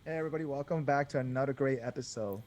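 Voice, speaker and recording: A man's voice: medium pitch, rapid-fire, darkish tone. A man co-hosting a casual podcast chat, laid-back and rambling, often chuckling. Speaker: podcast co-host.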